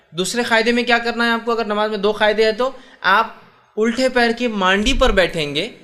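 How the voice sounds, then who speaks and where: A man's voice: high-pitched, pushed and bright. A man giving a religious lesson on how to sit and prostrate in prayer, explaining step by step, repeating key points and checking that listeners understand. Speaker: Islamic preacher.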